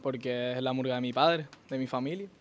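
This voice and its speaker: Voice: medium pitch, fairly even intonation, brisk. A first-year carnival group member giving short, earnest answers in an interview.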